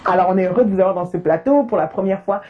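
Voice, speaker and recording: A woman's voice: medium pitch, rapid-fire. A woman hosting a television interview, posing questions and leading into segments. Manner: lively questioning, introduces segments. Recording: slightly dull sound.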